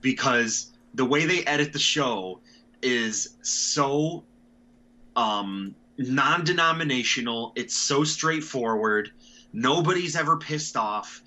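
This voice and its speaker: A man's voice: medium pitch, animated, takes it slowly, pushed and bright. A man hosting a podcast, ranting casually and animatedly with lots of swearing. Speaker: podcast host. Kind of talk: casual chat.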